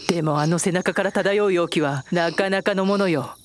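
A woman's voice: on the low side, normal speed, close to an everyday voice. A woman playing a haughty, easily flustered long-necked female yokai with ladylike airs in a comedy audio drama. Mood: haughty, huffy.

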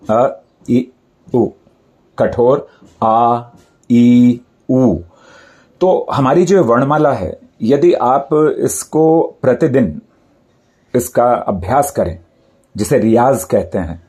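Man, teacher, slow deliberate delivery, husky mellow voice, draws out each sound. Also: mid-range voice. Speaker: Hindi teacher. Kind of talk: grammar lesson.

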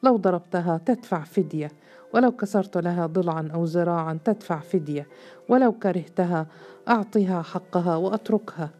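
A grave male judge handing down firm orders, as a woman narrator reads him. The delivery is low and mellow, with faint music in the background. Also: a little fast, lightly acted. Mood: stern. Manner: firm, commanding.

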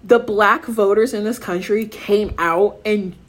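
A woman's voice: medium pitch, fairly even intonation, measured pace. An American woman co-hosting a podcast, talking casually but with impassioned, emphatic conviction and frequent swearing. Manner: emphatic, profane, speaks in repeated rallying phrases. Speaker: podcast co-host.

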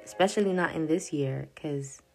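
A young woman hosting a casual podcast, Swahili her first language, rambles through her journal notes in a low, gravelly, slightly mellow voice at a moderate pace. She interrupts herself, laughs often and says "yada yada." The audio is poor, with faint music behind her.

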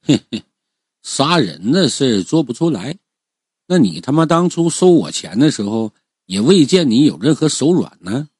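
A man voicing a menacing, arrogant rich middle-aged boss who sneers his threats in a husky, lowered voice. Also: sing-song, moderate pace, a little mellow, no room sound, clean studio sound. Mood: sneering.

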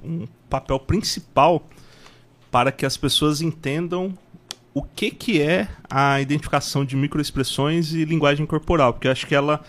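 A man's voice: on the high side, fairly even intonation, moderate pace, a bit bright. A man with a Brazilian Portuguese accent hosting a casual podcast interview, speaking in an informal, slangy, enthusiastic way. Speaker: podcast host.

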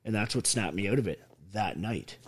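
A man's voice: lowish voice, lively intonation, normal speed, breathy edge. Blunt, profane middle-aged man. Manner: blunt, heavily profane, raw and emotional. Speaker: podcast guest, army veteran. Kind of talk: candid interview storytelling.

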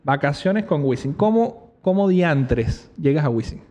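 A man with a Venezuelan accent hosting an interview, reacting with quick exclamations. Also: on the high side, animated, warm tone. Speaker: interview host. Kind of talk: casual interview chat. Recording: dull lo-fi recording.

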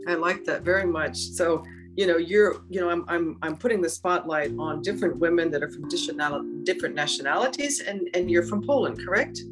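A woman's voice: on the low side, brisk, over music. A woman hosting an interview, asking questions in an encouraging, affirming way. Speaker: interview host.

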